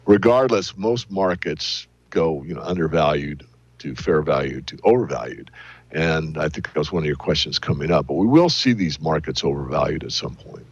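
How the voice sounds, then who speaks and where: A man with a very low, husky voice gives measured interview answers, weighing each point. His delivery is deliberate and careful. The audio is dry and muffled. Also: animated, no room sound. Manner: deliberate, hedging, analytical. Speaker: interview guest, silver analyst.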